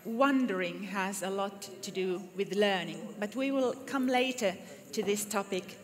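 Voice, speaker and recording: A woman's voice: medium pitch, measured pace. A Finnish woman with a Finnish accent leading a conference workshop in English, friendly and hesitant with fillers and restarts. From Finland. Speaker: workshop presenter. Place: conference room with audience. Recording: reverberant hall, faint noise.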